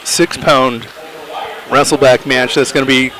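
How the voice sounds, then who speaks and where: An upbeat man calling wrestling matches play-by-play. His voice sits at an ordinary middle pitch, and he talks in a chatty way, laughing easily with his partner. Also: steady tone, unhurried, sharp tone, poor audio. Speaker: wrestling commentator. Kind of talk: play-by-play commentary.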